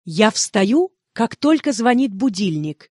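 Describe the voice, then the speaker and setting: A woman repeating example sentences calmly and carefully for a language course. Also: mid-range voice, slow pace, no room sound, clean studio sound. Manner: calm, careful enunciation. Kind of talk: scripted phrase reading.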